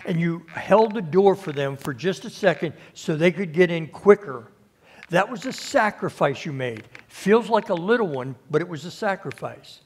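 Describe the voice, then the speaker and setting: A pastor preaches a conversational sermon at a church service, taking his time and often restarting or repeating words. His voice sits high and husky, with lively intonation.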